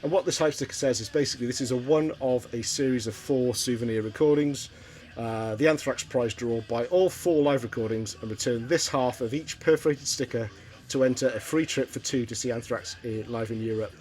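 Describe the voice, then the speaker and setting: Middle-aged vlogger, mid-pitched and halting, lots of ums, faint guitar music underneath. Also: male voice, a little mellow. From Wales. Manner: rambling, hesitant, many ums and restarts. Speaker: vinyl collector vlogger. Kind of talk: casual show-and-tell vlog.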